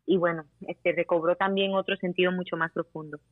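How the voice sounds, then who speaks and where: A woman raised in Costa Rica and Panama talks as an interview guest, relaxed and often breaking into laughter. Her voice comes through a thin, tinny phone line. There is no room sound around it. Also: lowish voice, fairly quick, no room sound. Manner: laughs often between phrases. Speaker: singer-songwriter guest. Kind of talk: casual interview over the phone.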